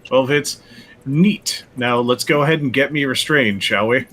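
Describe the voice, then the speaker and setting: A man plays a tabletop game with dry, wry humor and plenty of swearing. His voice sits at an ordinary middle pitch. There is a faint hiss in the background. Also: a little slow, fairly bright tone. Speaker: player. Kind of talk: casual tabletop game chat.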